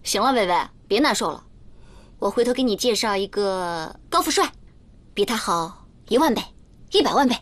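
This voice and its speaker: An actress in a TV drama playing a brash, sharp-tongued woman lecturing her crying friend. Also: medium pitch, expressive, moderate pace, natural voice. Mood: bossy. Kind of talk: TV drama acting.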